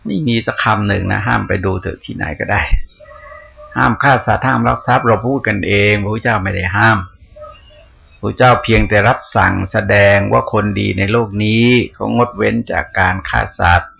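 A man's voice: fairly low pitch, fairly even intonation, brisk, creaky, slight background noise. A man, a Buddhist monk, giving a conversational dharma talk, asking questions aloud and answering them himself. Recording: dull lo-fi recording.

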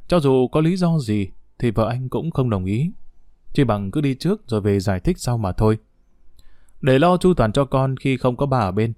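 A man telling a family story as scripted narration, in a calm, even way. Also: mid-range voice, no room sound, clean studio sound.

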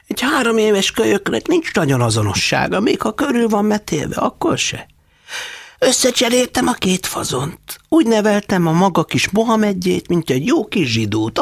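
Guy doing a fussy old lady in an audiobook, high and coaxing, gravelly husky edge, dry sound. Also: no room sound, heavily acted. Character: shrewd, fussy old woman foster mother. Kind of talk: audiobook character voice.

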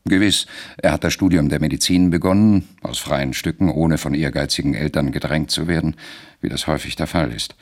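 Very deep-voiced male radio narrator. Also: husky. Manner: measured, deliberate storytelling. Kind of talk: scripted radio drama narration.

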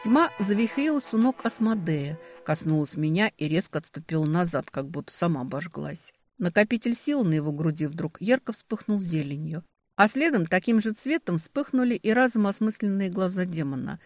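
Expressive audiobook narrator, dry close sound. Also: mid-range voice, normal speed, no room sound, faint music behind. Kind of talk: dramatic audiobook narration of a fantasy novel.

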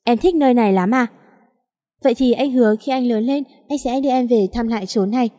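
A woman voicing a kind, protective little boy who speaks gently and reassuringly. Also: on the high side, a little fast, lightly acted. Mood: earnest. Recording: long reverb.

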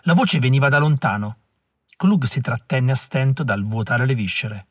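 A man reading a novel aloud as an audiobook narrator, measured and dramatic. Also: medium pitch, dry recording, studio quality. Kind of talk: scripted narration.

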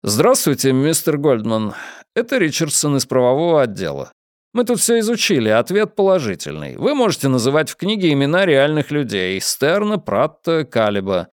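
A man reading an audiobook and voicing a corporate lawyer who speaks briskly and officiously. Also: mid-range voice, huge pitch swings, no echo, studio quality, voice pushed up. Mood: smug.

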